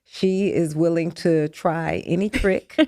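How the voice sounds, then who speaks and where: Woman in her fifties, deep-voiced, talks calm and measured, dry sound. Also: no room sound. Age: 50s. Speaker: interview guest. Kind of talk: candid interview chat.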